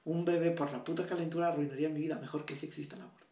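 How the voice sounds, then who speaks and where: Young man, Mexican accent, high voice, slangy and profane, roomy echo. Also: rapid-fire. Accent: Mexican Spanish. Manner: profane, slangy, animated storytelling. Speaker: conversation partner. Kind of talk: casual chat.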